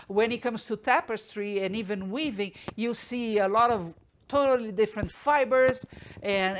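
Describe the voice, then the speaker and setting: A woman's voice: medium pitch, slight background noise. Woman, art course host, live online talk, thoughtful, restarts often, home desk mic. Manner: thoughtful, frequent restarts and fillers.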